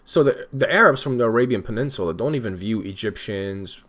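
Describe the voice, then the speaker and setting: Hosting casual online debate chats, an Iranian man talks a little fast in a fairly low-pitched voice. He's blunt, animated, and profane, swearing a lot.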